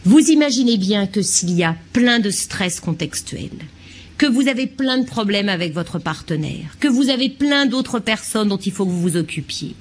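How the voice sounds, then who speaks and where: A woman's voice: mid-range voice, animated, normal speed, a little hiss or hum. A child psychiatrist giving a lecture to childcare staff, a woman who talks expressively and acts out short examples.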